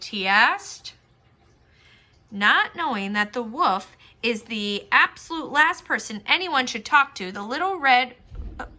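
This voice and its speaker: With a high voice, a woman storyteller narrates a children's fairy tale for a puppet show, speaking deliberately and expressively.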